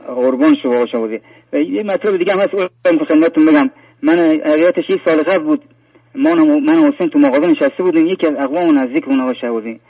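A man's voice: a little high, lively intonation, vocal fry, warm tone, no room sound. Earnest male caller on a muffled line. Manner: earnest, rambling with many fillers and restarts. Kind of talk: phone-in sharing a personal story. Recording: muffled phone-in line, distant.

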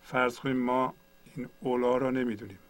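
Man calmly explaining in a flat tone. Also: mid-range voice, low-quality recording. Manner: patient, step-by-step explaining. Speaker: teacher. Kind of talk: screen-share tutorial.

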